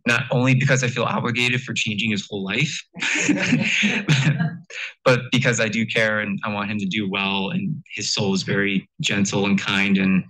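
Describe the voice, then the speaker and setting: A man's voice: fairly low pitch, pushed and bright, poor audio. A young man speaking as a guest in a church, telling personal stories in a chatty way, with constant "like" and acted-out quotes. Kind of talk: casual storytelling talk.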